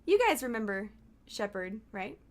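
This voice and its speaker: A woman from Texas, chatting casually on a game stream, excitable, laughing often and swearing freely. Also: medium pitch, normal speed. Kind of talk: casual live-stream chat.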